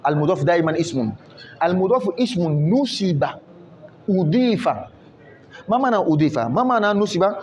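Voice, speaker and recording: A man with a high voice gives a grammar lesson, working patiently through example after example and checking for understanding as he goes. The recording sounds slightly dull and lo-fi. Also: darkish tone, slight background noise. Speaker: Arabic grammar teacher.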